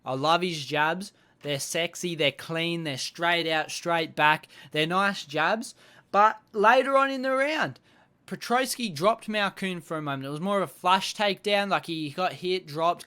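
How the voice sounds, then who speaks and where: A man's voice: high voice, moderate pace, pushed and bright, smooth. A man recapping fight-night bouts in casual chat, blunt and swearing constantly as he rants at the fighters. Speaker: MMA recap host.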